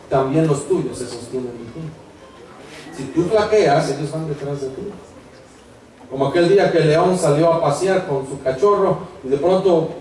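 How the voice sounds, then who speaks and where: A man's voice: high-pitched, darkish tone, a little hiss or hum. A man, a pastor giving an earnest sermon that rises to fervent exhortation. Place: church hall. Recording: echoey church hall from far off.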